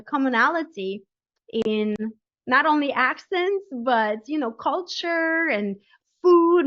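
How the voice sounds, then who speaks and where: A woman with a Romanian accent, speaking as a podcast guest in an earnest, gently emphatic way. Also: sits high. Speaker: guest, spiritual life coach. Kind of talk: casual interview chat. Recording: dull lo-fi audio.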